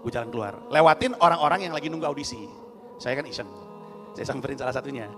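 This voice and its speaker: A man doing an animated stand-up comedy routine on a hall stage, acting out other people's voices. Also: mid-range voice, fast talker, music in the background. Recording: long hall reverb, faint ambience.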